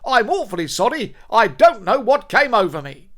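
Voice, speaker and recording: A man voicing a brash, blustering soldier in a cartoon, who barks his lines loudly. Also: extremely high pitch, sing-song, normal speed, voice pushed up, heavily acted. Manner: barking, blustering.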